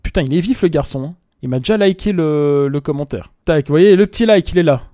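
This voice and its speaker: A man reacts to a video in a loose, joking way, poking fun at what he watches. His voice sits a little high. The sound is dry and close, with no room around it. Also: a little fast, mellow, no room sound. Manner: joking, mocking, slips into put-on accents. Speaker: reaction youtuber. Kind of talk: casual reaction commentary.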